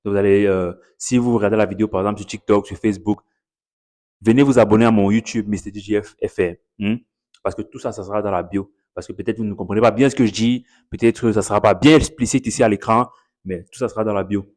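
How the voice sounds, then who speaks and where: A man's voice: lowish voice, steady tone, quick pace, darkish tone. A man talking casually to his followers in a vlog, chatty and repetitive, sprinkling English words into his talk. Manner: chatty, repeats himself, mixes in English words. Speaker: content creator promoting his online academy. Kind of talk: casual direct-to-camera vlog.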